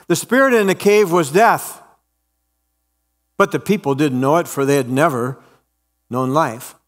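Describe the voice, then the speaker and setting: Slow, expressive male preacher telling a story. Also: a little high, long reverb tail. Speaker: pastor. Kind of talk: sermon storytelling.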